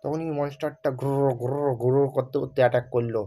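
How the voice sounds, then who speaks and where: A man improvising a story aloud, rambling with many fillers and pauses. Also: mid-range voice, steady tone, warm tone.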